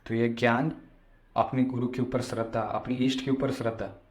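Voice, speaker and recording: A man's voice: medium pitch, little pitch movement, moderate pace. A man giving a devotional discourse as a spiritual storyteller, explaining and repeating phrases for emphasis. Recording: echoey room sound.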